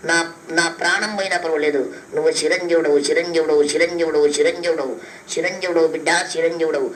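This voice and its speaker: A woman spiritual teacher, giving fervent devotional blessings and repeating phrases over and over. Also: on the low side. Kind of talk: devotional blessing, repetitive chanting. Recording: echoey room with faint background noise.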